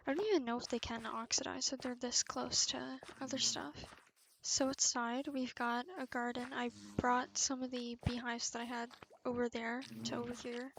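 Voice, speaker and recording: This young adult woman's voice sits high and a little bright, with slight background noise and music playing behind her. She's a video creator narrating gameplay in a chatty, informal, self-effacing ramble.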